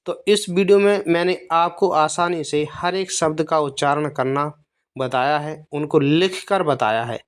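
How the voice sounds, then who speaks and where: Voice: medium pitch, a little slow, clean tone. A teacher from India giving a beginner language lesson, spelling each word letter by letter, repeating it and explaining it patiently. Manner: patient, explanatory classroom delivery. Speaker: English teacher.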